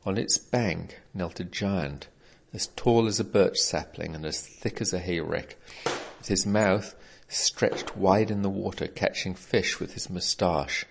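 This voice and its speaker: A man reading a folk tale aloud in a measured storybook manner with archaic wording. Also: deep voice, gravelly, slight background noise. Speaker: reader. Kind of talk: storybook narration.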